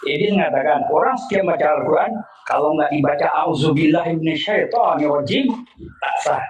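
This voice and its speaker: A man's voice: fairly high pitch, a little fast, lo-fi sound. A man calling in to a discussion, talking in an earnest, questioning way that circles back on its points. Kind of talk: casual call-in discussion. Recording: echoey, distant from mic.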